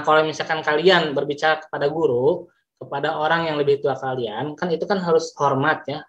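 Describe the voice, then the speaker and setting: Man teaching, slow repeated examples. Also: fairly high pitch. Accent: Sundanese. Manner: repeats examples slowly, stretching words for emphasis. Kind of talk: classroom lesson explanation. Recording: slightly dull lo-fi recording.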